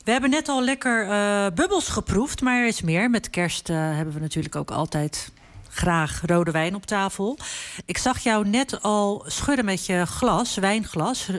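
Een vrouw die een live radioprogramma presenteert en gezellig en spontaan met haar gasten praat. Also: female voice, medium pitch, a little slow. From the Netherlands. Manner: chatty, with fillers. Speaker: radio host. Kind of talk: live radio talk show. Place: live broadcast from a concert hall.

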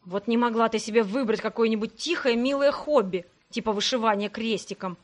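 A woman's voice: a little high, a little fast, natural voice. Woman doing a nervous fretting man. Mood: grumbling. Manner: anxious, grumbling. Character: nervous fretting male friend of a racer.

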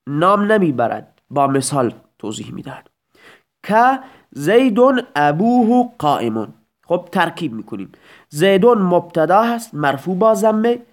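A male teacher walks through grammar patiently, one step at a time, asking rhetorical questions and then answering them himself. His voice sits fairly high and moves up and down a lot. It sounds like a recorded audio lesson. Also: darkish tone.

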